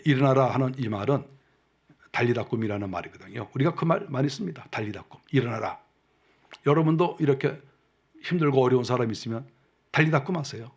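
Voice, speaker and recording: A male pastor preaching a sermon in a conversational way, full of rhetorical questions, and dropping his voice low and soft when he acts out quoted speech. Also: fast talker. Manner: acts out quotes softly and lower.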